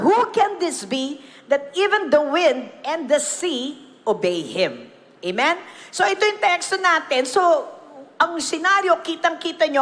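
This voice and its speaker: A Filipino woman pastor preaching a sermon, mixing Tagalog and English and telling the story with lively questions to the congregation. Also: high-pitched, long reverb tail. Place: church.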